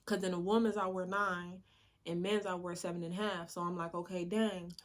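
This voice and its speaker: A woman's voice: fairly low pitch, level tone, a little fast. Chatty young woman eating on camera. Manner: chatty, laid-back, laughs often, many fillers. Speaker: mukbang vlogger. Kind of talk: casual chat while eating.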